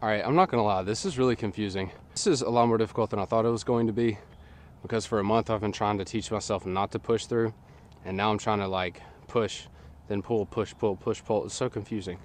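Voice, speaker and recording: Pitched on the low side and talking a little fast, the young disc golf coach gives a casual lesson outdoors, his voice slightly nasal from a sinus infection. A distant camera on a tripod in an open field records him, with slight background noise.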